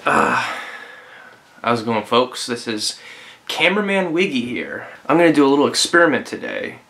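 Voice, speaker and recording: A young man talking to camera in a bedroom for a casual challenge vlog, halting and deadpan, with crude humor. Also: medium pitch. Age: young adult. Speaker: cameraman and vlogger. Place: bedroom indoors. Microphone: camera at about arm's length.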